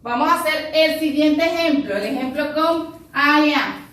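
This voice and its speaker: High-voiced teacher in an echoey room. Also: female voice, unhurried, fairly bright tone, distant mic. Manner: explains step by step, checks in with "ok?" after each point. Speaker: English teacher. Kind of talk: recorded classroom lesson.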